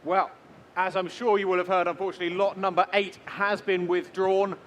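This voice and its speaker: Male auction presenter, high-pitched, formally introducing items over faint live-event noise. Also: flat delivery, a little fast, fairly bright tone, muffled recording.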